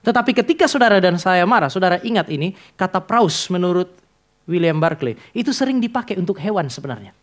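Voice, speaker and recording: A male pastor delivers a sermon to his congregation in a church, addressing them directly. His voice sits high for a man. He tells stories and acts out the dialogue in them. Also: lively intonation, fast.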